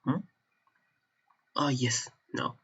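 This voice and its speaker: A young man who hosts a channel and speaks Chinese natively gives a casual, explanatory monologue, hesitating and correcting himself as he goes. His words are drawn out and his tone is fairly bright. The recording sounds slightly dull and lo-fi.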